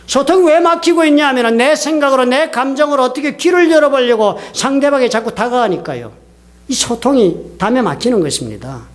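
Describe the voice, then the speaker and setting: A man's voice: very high-pitched, expressive, fairly quick. A man preaching a sermon as a pastor, telling a story and putting questions to his congregation. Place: church sanctuary.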